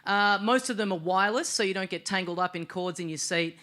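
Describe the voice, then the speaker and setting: A man with an Australian accent performing a stand-up comedy set on a television stage, telling a story in a deadpan way with sudden shouted bursts. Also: sits high, brisk. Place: television studio stage with live audience. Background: audience laughter.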